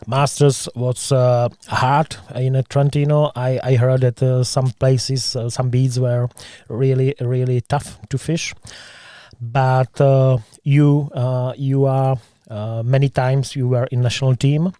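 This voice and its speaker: A man whose first language is Czech hosts a casual interview in halting English, with many pauses and fillers. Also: mid-range voice, level tone, mellow, clear, resonant tone, no echo, clean studio sound. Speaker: podcast host.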